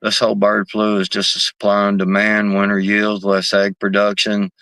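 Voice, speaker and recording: A man's voice: fairly low pitch, monotone, normal speed, pushed and bright, clean tone, no echo. A man hosting a casual live stream, reading chat messages, talking loosely and profanely and saying "man" and "bro" all the time. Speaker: livestream host reading chat.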